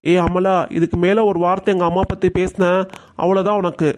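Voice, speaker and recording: திருநெல்வேலி வட்டார வழக்கில், அம்மா பக்கம் நின்று மனைவியை மிரட்டும் கோபக்காரக் கணவனாக ஒரு ஆண் குரல் கொடுக்கும் cartoon. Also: male voice, sits high, flat delivery, a little fast, lightly acted. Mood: threatening. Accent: Tirunelveli Tamil. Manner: threatening, harsh. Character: hot-tempered husband siding with his mother.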